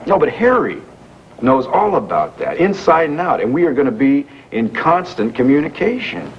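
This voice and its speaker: An actor playing a wealthy young man who has posed as a factory worker, explaining himself earnestly with halting fillers, in 1980s daytime soap acting heard from a worn VHS tape copy. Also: a little high, big pitch swings. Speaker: businessman explaining a masquerade. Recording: muffled hissy worn videotape of a TV broadcast.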